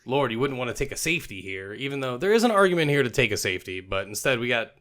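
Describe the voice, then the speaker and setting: A man's voice: medium pitch, big pitch swings, a bit bright. Joking young man narrating sports clips. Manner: jokey, puts on players' voices in quick asides. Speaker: football video host. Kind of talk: comic play-by-play voice-over.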